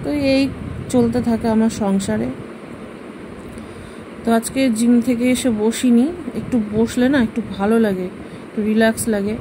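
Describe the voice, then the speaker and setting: A woman's voice: on the high side, fairly even intonation, unhurried, pauses often. A middle-aged woman chatting casually to her viewers about her household chores in a rambling, homely way. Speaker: vlogger. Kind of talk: casual household vlog chat. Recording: noisy home recording.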